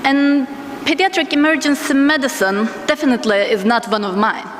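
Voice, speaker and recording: A woman giving a conference lecture as a physician, her voice thick and strained from a sore throat, speaking hesitantly with deliberate pauses. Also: high-pitched, steady tone. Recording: echoey hall with noticeable background noise.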